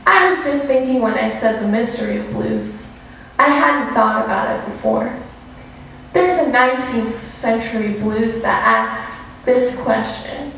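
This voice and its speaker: A woman delivering a memorized speech as a declamation, reciting slowly and deliberately. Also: sits high, vocal fry, a bit bright, slight background noise. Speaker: student giving a declamation. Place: classroom or school hall. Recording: echoey room, distant mic.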